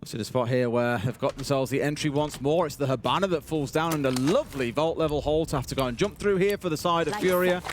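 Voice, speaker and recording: Male esports caster, rapid chatty analysis, slightly high voice, game gunfire behind. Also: background noise. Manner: chatty, colourful turns of phrase. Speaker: esports commentator. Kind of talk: live analytical commentary.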